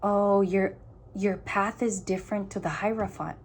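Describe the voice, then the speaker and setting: A woman's voice: mid-range voice, steady tone, measured pace, breathy edge. A woman giving a casual tarot reading to her viewers, thinking aloud in stop-start phrases and talking earnestly straight to the listener. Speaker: tarot reader.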